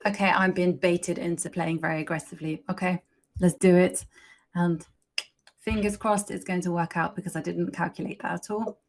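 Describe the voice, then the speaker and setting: A woman's voice: fairly low pitch, fairly even intonation, moderate pace. A woman streaming her chess games, chatting casually and thinking aloud as she plays. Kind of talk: casual live-stream commentary.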